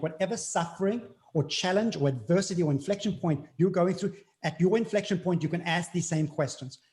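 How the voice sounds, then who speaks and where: A middle-aged man with a South African accent, speaking earnestly and deliberately in an interview, repeating key phrases for emphasis. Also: a little high, darkish tone. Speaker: guest speaker. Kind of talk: reflective interview talk.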